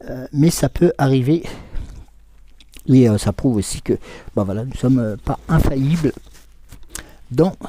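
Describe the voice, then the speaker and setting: A man with a warm, medium-pitched voice gives a live oracle card reading, answering viewers' comments as he goes. He sounds hesitant, with many fillers and restarts.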